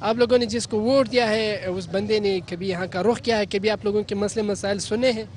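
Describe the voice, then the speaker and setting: A man's voice: high-pitched, fairly even intonation, a little fast, darkish tone, slight background noise. A man, working as a street reporter and asking passers-by formal questions, with many "uh" fillers. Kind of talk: vox pop interviewing.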